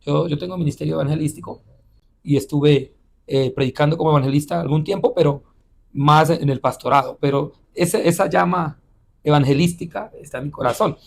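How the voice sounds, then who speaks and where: In an interview, a man with a fairly high, creaky voice shares his personal testimony as a pastor and missionary. He speaks haltingly, often repeating words, restarting phrases and filling pauses with "eh."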